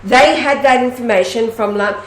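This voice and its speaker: Animated woman in an echoey room. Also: fairly high pitch, moderate pace. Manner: animated storyteller, acts out quoted speech. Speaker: host. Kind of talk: casual conversation.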